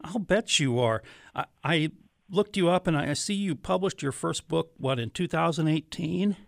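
A man hosting a radio interview, conversational, with halting, thoughtful phrasing. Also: fairly high pitch, vocal fry, no echo, clean studio sound. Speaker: radio show host.

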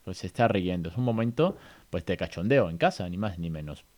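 A man with an accent from Spain hosting a casual podcast lesson for parents, chatty and animated, often tagging his sentences with little questions. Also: low-pitched, a little fast. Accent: Spain Spanish. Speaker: podcast host teaching English to parents.

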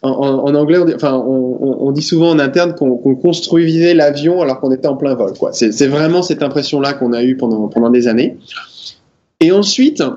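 A man giving casual interview answers in halting, out-of-practice French, dropping in English terms. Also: medium pitch, warm tone, muffled recording. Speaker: interview guest, game developer.

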